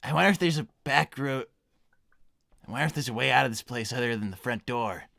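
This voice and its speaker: A man's voice: mid-range voice, fast, vocal fry, sharp tone, no room sound, clean studio sound. A man voicing an anxious, well-meaning young hedgehog hero in improvised livestream roleplay, hesitant and stammering as he rambles reassurances. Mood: uneasy rambling. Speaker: livestream performer answering donor messages.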